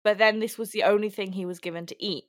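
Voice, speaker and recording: A woman talking casually on a podcast, giggling as she explains what she has read. Her pitch sits in an ordinary middle range, and she stumbles and restarts now and then. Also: steady tone, fast talker. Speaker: podcast co-host presenting research.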